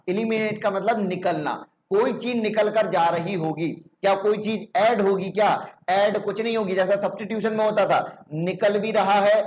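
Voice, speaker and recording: A man's voice: high-pitched, slight background noise. A man with a Hindi accent giving an online chemistry lecture, explaining step by step, answering his own questions and checking in with his students. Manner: checks in with "ठीक है ना". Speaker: chemistry teacher.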